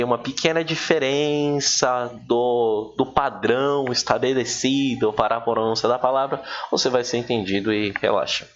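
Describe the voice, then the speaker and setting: A man giving a casual recorded English lesson, chatty and relaxed, stretching out his English examples slowly. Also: mid-range voice. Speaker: English teacher. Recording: dull, lo-fi with faint noise.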